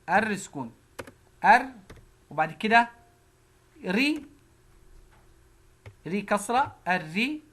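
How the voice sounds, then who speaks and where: A woman's voice: mid-range voice, a bit bright, breathy edge. Egyptian woman teacher drilling syllables. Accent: Egyptian Arabic. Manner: slow, repeats syllables one at a time. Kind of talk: phonics lesson drilling syllables.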